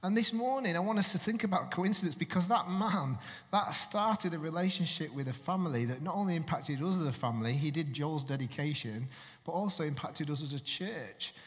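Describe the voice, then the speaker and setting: A man's voice: on the high side, brisk, in a large hall. A man from Manchester, giving a sermon in a chatty way and putting questions to the congregation. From Manchester, England. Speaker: preacher.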